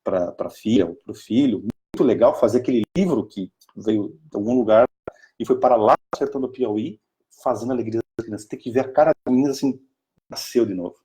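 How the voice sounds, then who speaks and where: A man's voice: medium pitch, brisk, dark tone. A Brazilian man with a Brazilian Portuguese accent, chatting casually and enthusiastically in a live talk, full of fillers and restarts. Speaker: strategic planning mentor for an NGO.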